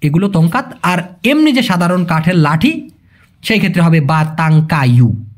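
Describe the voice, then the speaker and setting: A man's voice: fairly high pitch, animated, normal speed. A man teaching a language in a casual video lesson, patiently explaining and repeating key terms and quizzing his viewers.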